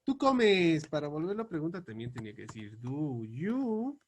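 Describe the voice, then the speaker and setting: A man teaching English grammar, spelling out example questions slowly and word by word as he writes them up. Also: on the high side, big pitch swings. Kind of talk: explaining grammar on a board.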